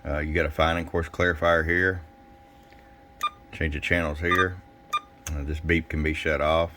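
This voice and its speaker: A radio shop technician and presenter gives an off-the-cuff, hands-on product demo at an indoor radio workbench, plain-spoken and folksy in manner. His voice is a rumbling low one with a sharp, level tone, a slightly slow pace, and a little hiss or hum in the background.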